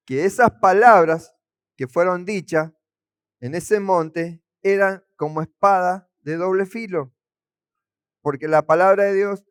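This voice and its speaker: A male pastor preaching a sermon, teaching verse by verse and asking his listeners questions, slowing down to stress key words. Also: high-pitched, clean tone, no echo, studio quality. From Argentina.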